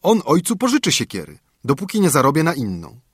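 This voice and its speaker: A clever, fearless young lad from a storybook, as a man puts him on, pitched high above a normal speaking voice and bright with eagerness. The tone is husky and springy. The recording is dry. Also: huge pitch swings, brisk, dry recording, heavily acted. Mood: eager. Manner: raised and eager. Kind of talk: storybook narration.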